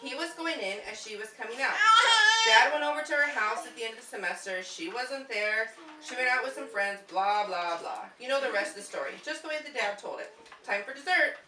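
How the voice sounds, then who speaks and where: Here she reads the same scripted puppet-show story for her relatives, her pitch fairly high, her intonation lively, her pace fairly quick and her tone sharp. Again the mic sits far away in a noisy, echoey room.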